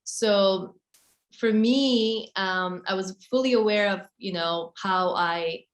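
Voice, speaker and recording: Speaking in a medium-pitched voice, this interviewee from Japan, a model and author in her 30s and a native Japanese speaker, answers casually. She is soft and hesitant, often using fillers and starting over, and the room echoes noticeably.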